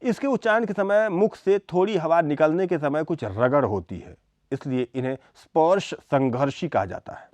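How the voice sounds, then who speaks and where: Male lecturer, slow and deliberate, animated pitch, dry studio sound. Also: no echo. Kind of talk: scripted educational lecture.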